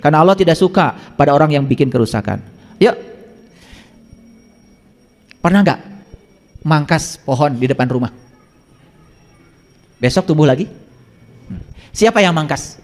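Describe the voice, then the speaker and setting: A man preaching a sermon to a live audience, quizzing listeners and swinging between high exclamations and low asides. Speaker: Islamic preacher. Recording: long hall reverb.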